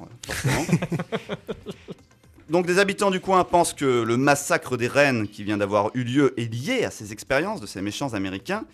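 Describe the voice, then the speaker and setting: At a radio studio microphone, a man delivers a relaxed, chatty film column, poking fun at himself. His pitch is an ordinary middle, and he stumbles over fillers and restarts as he goes.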